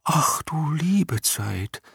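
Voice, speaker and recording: A man's voice: lowish voice, animated, measured pace, creaky, breathy edge, dry recording, studio quality, voice pushed up, heavily acted. Man doing a meek aging female mule. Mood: startled. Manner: meek, worried, startled.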